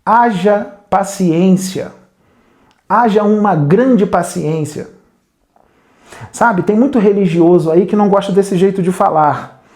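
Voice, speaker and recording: A man's voice: high voice, slow pace, darkish tone, reverberant. Blunt scolding Brazilian man. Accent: Brazilian Portuguese. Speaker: spiritual medium. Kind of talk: spiritual lecture.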